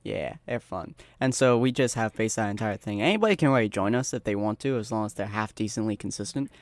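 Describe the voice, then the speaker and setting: A man's voice: on the low side, lively intonation, fast, no echo. A young man interviewing a guest in casual chat, giggling and joking at his own expense. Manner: giggly, self-deprecating.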